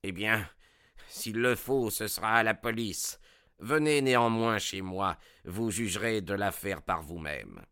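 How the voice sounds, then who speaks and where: Casting note: a burly, gruff nobleman, blustering and low-voiced, read by a male narrator. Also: animated, measured pace, pushed and bright, dry recording, clean studio sound, full character voice. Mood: defensive. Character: big fierce mustached baronet, blustering.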